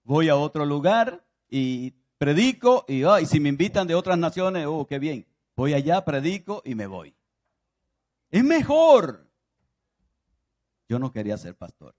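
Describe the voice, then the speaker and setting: A pastor preaching a sermon, moving from loud exclaiming to soft confiding speech and acting out biblical voices as he tells the stories. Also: on the high side, sing-song, a little slow, long pauses. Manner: acts out biblical voices in his telling.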